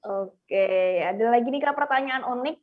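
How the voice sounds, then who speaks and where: A woman's voice: fairly high pitch, moderate pace. A woman moderating an online class, reading out audience questions. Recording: tinny phone-like line.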